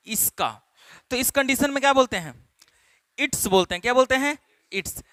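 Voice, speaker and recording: A man teaching an English grammar class in Hindi, repeating questions to drill his students and stretching key words slowly. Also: very high voice, expressive, pushed and bright, dry recording, studio quality.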